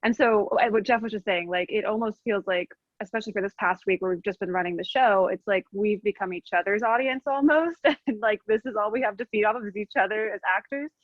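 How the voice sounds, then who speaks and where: A woman's voice: medium pitch, fast, hardly any pauses, dry recording. A female cast member on a video call, chatty and self-aware in a casual panel, with dull lo-fi audio.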